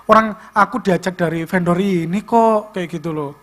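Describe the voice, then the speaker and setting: A young man giving a personal testimony at a youth service. He tells it in an animated way, with lots of filler tags. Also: high-pitched, normal speed. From Indonesia. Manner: animated storytelling, repeats "like that".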